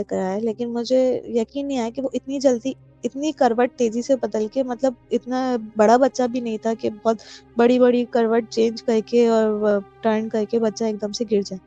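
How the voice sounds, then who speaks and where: A woman from Pakistan recounts a true haunting in a fairly high but mellow, soft-edged voice, hesitating often and mixing in English words. She comes through a dull lo-fi phone voice note with faint music underneath. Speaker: caller sharing a personal story. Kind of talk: telling a true ghost story.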